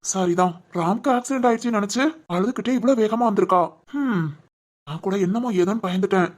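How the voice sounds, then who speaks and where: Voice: mid-range voice, quick pace, natural voice. A voice actor playing a young man in a cartoon who is exasperated, teasing and talks to himself. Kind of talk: Tamil cartoon voice acting.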